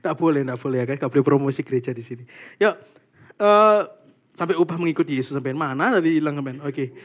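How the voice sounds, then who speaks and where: A young man preaches to a small church group in a loose, conversational way, speaking. His voice sits high and he keeps breaking off into friendly asides to his listeners. It sounds like an informal talk rather than a formal sermon. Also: fast. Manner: chatty, animated, peppers talk with "guys" and "kayak gitu".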